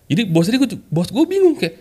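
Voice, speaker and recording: A man tells a personal story on a podcast. His voice is warm and mellow, and his talk is loose, slangy and full of fillers like "kayak". He acts out remembered quotes with sudden lively leaps in pitch. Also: fast talker. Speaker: podcast guest sharing a testimony. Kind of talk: casual storytelling chat.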